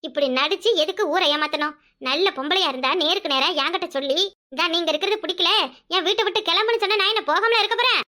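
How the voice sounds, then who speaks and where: A woman voicing a shrill scolding village wife. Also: sharp tone. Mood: indignant. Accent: Kanyakumari Tamil. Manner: scolding, rapid complaining. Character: quarrelsome village wife, sharp-tongued, loud. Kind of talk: cartoon voice acting.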